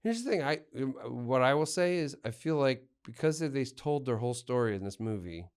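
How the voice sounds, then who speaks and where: Excitable man co-hosting a movie podcast. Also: mid-range voice, brisk, smooth. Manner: excitable, stumbling restarts. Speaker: podcast co-host. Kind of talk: casual movie chat.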